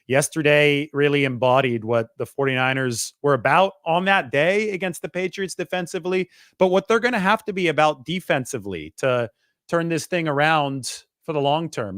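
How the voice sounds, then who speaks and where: A male sports reporter giving a quick, stat-heavy, conversational football analysis. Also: medium pitch, fairly bright tone, no room sound, clean studio sound.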